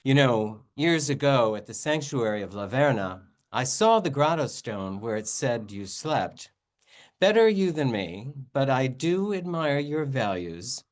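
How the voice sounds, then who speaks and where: Man reading his poetry aloud. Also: mid-range voice. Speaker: poet reading own work. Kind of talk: poetry reading with casual introductions.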